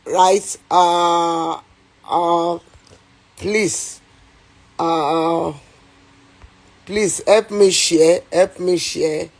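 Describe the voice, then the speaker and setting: A woman with a Nigerian accent goes live on her phone with an angry rant. She talks slowly, circles back over the same phrases, and pleads with viewers between bursts of heat. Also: on the low side, steady tone. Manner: repetitive, pleading, heated, mixes in Yoruba. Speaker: actress on a livestream.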